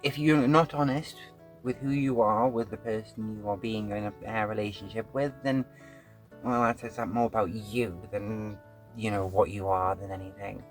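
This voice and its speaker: A woman's voice: rumbling low, fairly even intonation, normal speed, faint music behind. A woman hosting a casual reaction video, talking frankly with plenty of fillers and restarts. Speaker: host.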